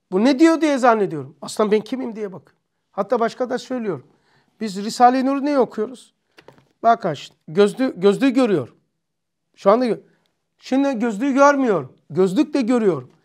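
A Turkish-accented man teaching an informal religious study class, thinking aloud and asking himself questions. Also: sits high.

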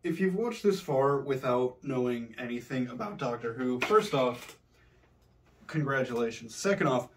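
A man's voice: medium pitch, darkish tone, far from the mic. A man reading a scripted book review, sarcastic and swearing when he is frustrated.

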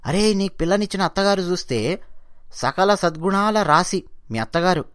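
A man voicing a stern mother who lectures her wayward son in a told story, in his own high voice. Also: expressive, normal speed, fairly bright tone, clear, resonant tone, no room sound, clean studio sound. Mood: scolding. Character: scolding middle-aged mother, proud and stern.

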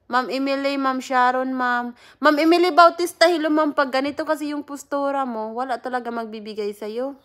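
A woman's voice: high-pitched, moderate pace, a bit bright. A Filipina woman, chatting casually on a livestream, greeting viewers by name and laughing often. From Philippines. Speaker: livestream host.

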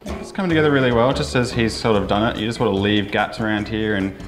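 A young man narrates a hands-on demonstration in a casual vlog style. He talks quickly at an ordinary, fairly low-to-middle pitch. Music runs behind his voice. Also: fairly even intonation. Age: young adult. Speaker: vlogger demonstrating a painting tutorial.

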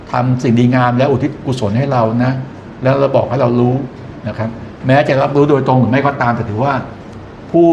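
A man's voice: mid-range voice, darkish tone, dull audio, a little hiss or hum. A man lecturing in an explanatory way, often posing questions to his listeners and then answering them himself. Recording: echoey room, faint ambience.

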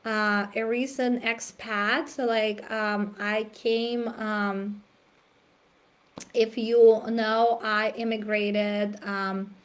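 Woman host, raspy from a cold, slow unhurried delivery, clears throat often. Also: medium pitch, little pitch movement. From Russia. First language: Russian. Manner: frequent throat clearing and fillers. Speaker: challenge host. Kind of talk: live-stream coaching talk.

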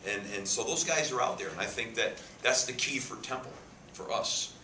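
At a press conference, a head football coach in his fifties answers emphatically, repeating words and gesturing, his mid-range voice sharp in tone and moderate in pace. The press room has a sponsor backdrop, a table mic cluster captures him, and the sound is echoey with faint hiss.

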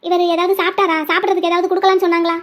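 A gentle young wife, voiced by a woman speaks in a soft, comforting tone. Her voice is very high and her pace is brisk. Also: flat delivery. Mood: soothing.

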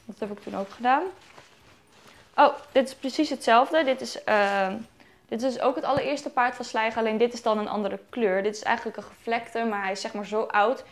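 A woman's voice: a little high, fairly even intonation, normal speed. Chatty young woman unboxing toys. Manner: chatty, self-correcting, giggly asides. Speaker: vlogger. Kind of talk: casual unboxing chat. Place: at home in sunlight.

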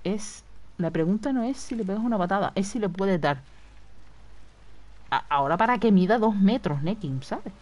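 Foul-mouthed animated woman streamer. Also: medium pitch, normal speed, long pauses. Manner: swears a lot, shouts at enemies. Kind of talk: live gameplay commentary.

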